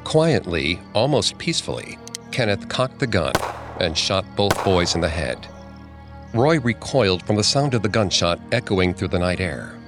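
A man with a very deep voice narrates a scripted true-crime story in a steady, grave way. Music plays clearly behind his voice. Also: normal speed. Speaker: podcast narrator.

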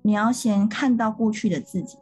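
A woman's voice: mid-range voice, moderate pace, a little mellow, breathy edge, faint music behind. A woman co-hosting a podcast, talking through ideas in an earnest, step-by-step casual chat. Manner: earnest, explanatory, talks through steps. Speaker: podcast co-host.

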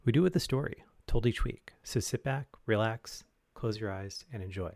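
A man with a low voice narrates in a soft, soothing, mock-serious tone, like a parody guided meditation. The sound is dry and close, with no room around it. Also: moderate pace, vocal fry, no room sound. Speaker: podcast host and narrator.

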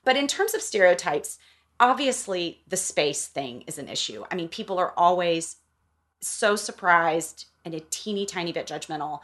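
Animated woman from the American South. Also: lowish voice, moderate pace. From Southern United States. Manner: animated, emphatic, laughs while talking. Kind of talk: casual conversation.

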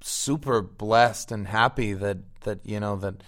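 This man's voice sits on the low side, with a fairly bright tone and a measured pace. He is a Venezuelan actor, a native Spanish speaker with a Venezuelan accent, chatting eagerly as an interview guest and often starting his words over.

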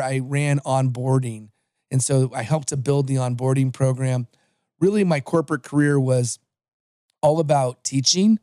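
This Los Angeles man in his forties, a podcast guest, tells his career story cheerfully and conversationally, often restarting his sentences. His pitch sits on the high side and sounds a little mellow, recorded cleanly in a studio without echo.

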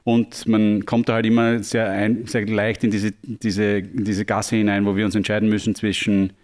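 An Austrian man with a fairly low voice speaks in a casual podcast conversation. He slips English tech jargon into his relaxed, spontaneous explanations. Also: normal speed.

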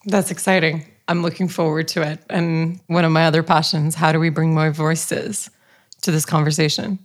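A woman talks in a relaxed, chatty podcast conversation. Her voice sits on the lower side and comes across as eager and animated in manner, often dropping in casual fillers. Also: normal speed. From Brazil. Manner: enthusiastic, chatty, fillers like "you know". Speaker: podcast co-host.

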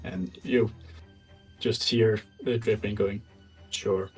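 A man running a tabletop game, narrating in a loose, halting way. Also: mid-range voice, darkish tone, distant mic, soft background music, poor audio. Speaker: game master.

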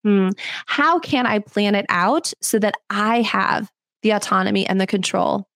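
A woman's voice: mid-range voice, a little slow, fairly bright tone, no room sound, clean studio sound. A woman hosting a solo podcast, talking earnestly and rhetorically, leaning hard on the words she stresses. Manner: earnest, rhetorical, with lots of emphasis. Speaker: podcast host. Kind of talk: reflective solo podcast talk.

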